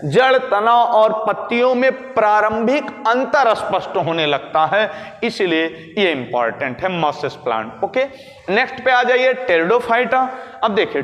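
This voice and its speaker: In a classroom-style lecture, a male biology teacher explains slowly, posing questions and answering them himself. He has an extremely high, slightly bright voice. The room is echoey with long reverb.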